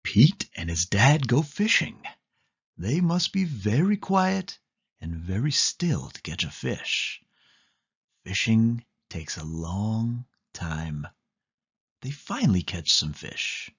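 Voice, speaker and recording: A low-voiced man narrates a story for young children, unhurried and expressive. His intonation swings widely, and the voice is a little husky. The sound is slightly dull and lo-fi. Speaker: storyteller reading a picture book for children. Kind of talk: animated read-aloud narration for young children.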